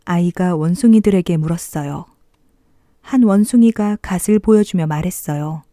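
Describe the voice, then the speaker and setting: A woman narrating a bedtime fairy tale, gently and expressively, as if reading to a toddler. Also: fairly low pitch, moderate pace, no room sound, clean studio sound. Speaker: storybook narrator.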